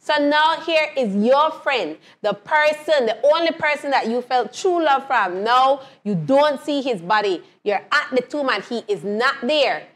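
A woman hosts a Bible lesson, her voice sitting a little high. She repeats key phrases and tosses questions to her co-hosts before answering them herself. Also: animated, measured pace, hardly any pauses. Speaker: host leading a Bible lesson. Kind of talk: lively Bible storytelling and questioning.

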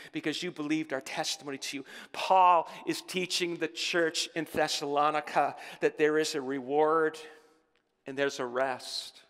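A man's voice: fairly high pitch, clear, resonant tone. Impassioned male pastor preaching in a hall. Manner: impassioned preaching, swinging from shouting to soft, somber tones. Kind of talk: sermon. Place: church sanctuary.

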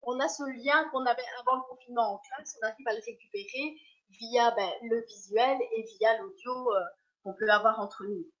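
A woman, a primary school teacher, explaining her online lessons in a webinar, with a lively manner and frequent restarts. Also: a little high, normal speed. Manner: lively, explanatory, self-correcting. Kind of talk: webinar presentation. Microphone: video call. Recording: dull lo-fi online call audio.

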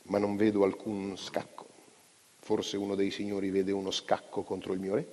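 Male reader as an icy chess master, slow and clipped, low and husky, with a long reverb. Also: mellow, lightly acted. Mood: ironic. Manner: slow, dry, coldly ironic. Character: cold, haughty male chess champion, curt.

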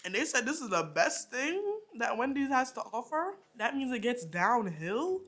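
A bright, fairly high-pitched young woman rambles casually to her camera between bites of food. She is slangy and chatty and breaks into laughter easily, recorded indoors on a camera held close. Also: very animated, moderate pace. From Jamaican heritage. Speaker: vlogger. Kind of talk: casual mukbang chat. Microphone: phone or camera at arm's length.

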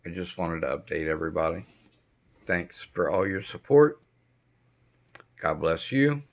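A middle-aged man with a hoarse voice impaired by throat cancer treatment, giving a halting, casual update at home with many pauses. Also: sits low, big pitch swings. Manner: slow, halting delivery with frequent ums. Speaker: homestead vlogger. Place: dim living room indoors. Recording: dull lo-fi camera audio.

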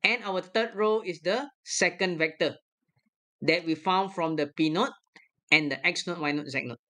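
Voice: medium pitch, moderate pace, a bit bright. A math lecturer talking through a worked problem step by step on a screen recording, checking each sum aloud. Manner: works aloud step by step, checking their own sums.

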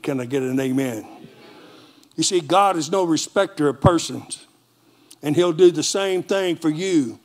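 A man preaching a lively sermon in a church with a Texan accent, calling for amens from the congregation. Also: on the high side. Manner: animated preaching with call-and-response. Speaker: pastor.

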